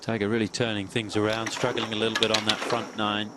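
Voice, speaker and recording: Golf commentator, male, lowish voice, live play-by-play, noisy open-air sound. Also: level tone, quick pace.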